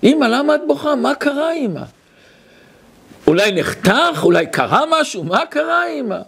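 A man voicing an anxious little boy of seven who pleads in a high, worried voice. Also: sing-song, vocal fry, fairly bright tone, full character voice.

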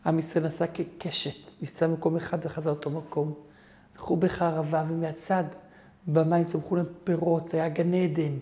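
A man's voice: a little high, flat delivery, warm tone. A man, a rabbi, giving a lesson on the weekly Torah portion, telling stories with emphatic rises and acting out the voices he quotes.

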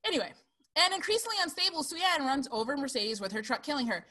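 A woman co-hosting a casual movie discussion, animated and sarcastic, laughing often as she talks. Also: high-pitched, fast. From lives in Burbank, Los Angeles area. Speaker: podcast co-host.

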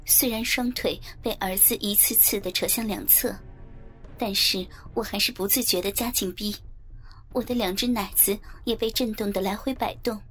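A woman narrating an erotic audiobook in the first person, reading in a soft, even, intimate way. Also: medium pitch, moderate pace, soft background music.

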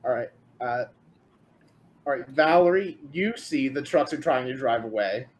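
A man's voice: mid-range voice, a little slow. A man narrating as game master of a tabletop role-playing game, casual and loose, with lots of filler words.

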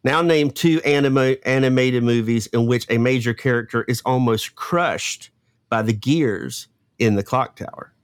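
A man's voice: medium pitch, normal speed, clear, resonant tone, no echo, clean studio sound. A middle-aged man hosting a casual family trivia quiz, hurrying along and chatty. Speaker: quiz host.

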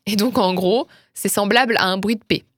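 A woman's voice: mid-range voice, brisk, a bit bright, no room sound. A woman presenting a culture segment in a casual radio chat, talkative, joking at her own expense and laughing often. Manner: chatty, laughs often, self-mocking. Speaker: culture columnist.

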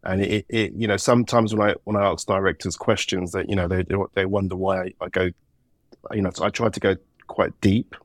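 A man with a London accent and a slight sore throat, answering interview questions thoughtfully with many pauses and fillers. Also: low-pitched, steady tone, dry recording, clean studio sound. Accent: London English. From England. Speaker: composer guest.

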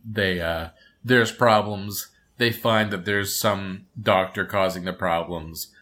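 A man co-hosting a podcast, chatting casually about a cartoon episode in a halting way, full of fillers and restarts. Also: low-pitched, fairly even intonation, sharp tone. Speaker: podcast co-host.

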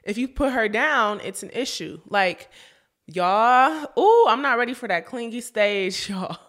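A woman's voice: fairly high pitch, animated, measured pace, a bit bright. A young woman hosting a casual podcast for moms, chatty, often laughing and calling her listeners y'all. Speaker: podcast host.

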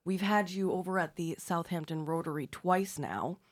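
A woman radio host with a slightly low voice, recorded very dry and close. She speaks conversationally, as a presenter does on air. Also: normal speed, no echo.

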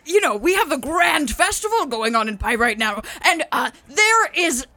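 A woman's voice: sits high, big pitch swings, moderate pace, bright, forceful tone, exaggerated voice. A woman voicing a bombastic bear who enforces the law and likes to play tour guide, talking in a gushing, stammering, theatrical way. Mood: eager.

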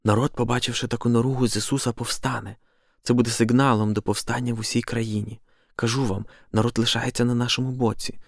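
A man's voice: mid-range voice, little pitch movement, fast talker, gravelly, dry recording, studio quality, natural voice. A man playing a fiery, impulsive apostle. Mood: rousing. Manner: heated, insistent, accusing. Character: fiery, impulsive male apostle, middle-aged.

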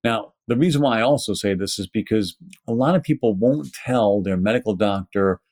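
This interview guest, a pharmacist educator with a Brooklyn accent, explains matters conversationally and emphatically, posing rhetorical questions. His fairly low, slightly mellow voice moves at normal speed, in studio quality with no room sound.

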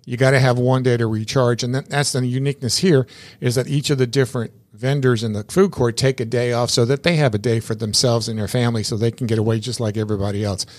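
A chatty man hosting a relaxed interview show. He rambles a little and often repeats words as he starts a sentence. His pitch sits in a middle range. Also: quick pace, hardly any pauses. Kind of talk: casual interview.

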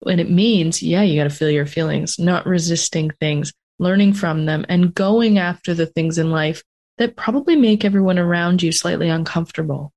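A woman's voice: on the low side, normal speed, a little mellow. A woman from North America who hosts a casual interview podcast and thinks aloud in long, reflective sentences. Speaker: podcast host.

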